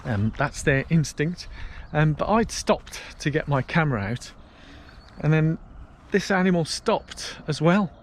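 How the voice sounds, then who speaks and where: A British man with a slightly high voice records a casual walk-and-talk vlog. He chats in a storytelling way out in the open, with faint outdoor ambience and traffic noise behind him. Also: expressive, a little slow. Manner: chatty storytelling while walking outdoors. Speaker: vlogger. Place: outdoors on a canal path.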